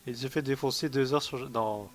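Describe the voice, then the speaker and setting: A man's voice: medium pitch, brisk, a little hiss or hum. A man chatting casually as he co-hosts a live game stream.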